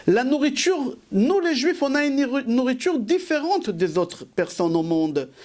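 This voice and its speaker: A rabbi giving a sermon, who asks rhetorical questions, answers them himself and repeats key phrases for emphasis. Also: male voice, very high-pitched, sing-song, a little slow, darkish tone.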